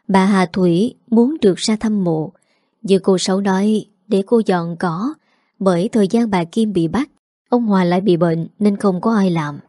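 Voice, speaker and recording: Woman reading a story aloud, calm and even, mellow tone, dry close mic. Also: mid-range voice, no echo. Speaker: narrator. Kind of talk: storytelling narration.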